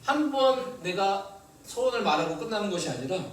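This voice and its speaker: Lively pastor in an echoey church. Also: male voice, high voice, normal speed, far from the mic, a little hiss or hum. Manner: lively, asks the congregation questions. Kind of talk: sermon. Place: church hall.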